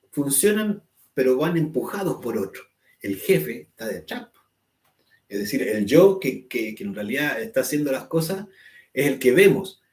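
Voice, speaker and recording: A man's voice: mid-range voice, a little mellow. A man teaching an online spiritual class, explaining patiently, acting out angry quotes, and checking "right?" with his listeners. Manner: explanatory, acts out angry quotes, asks "¿cierto?" often. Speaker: spiritual course instructor. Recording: echoey room.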